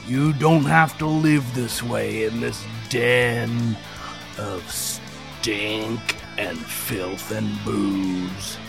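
Solemn strongman bounty hunter played by a man, very gravelly, slow, grandiose, tabletop role-play. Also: on the low side, over music, heavily acted. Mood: solemn, preachy.

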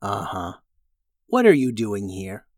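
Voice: very animated, slow pace, no room sound, clean studio sound, full character voice. A narrator putting on a grumbling crystal dragon. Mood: grumpy. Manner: grumbling, low and quiet. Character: grumpy female crystal dragon, territorial and hungry.

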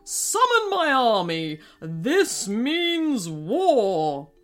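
A woman's voice: on the high side, huge pitch swings, very slow, fairly bright tone, soft background music, heavily acted. A woman voicing a hot-tempered male bread king who bellows and spits out insults. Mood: furious. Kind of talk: storybook character voice.

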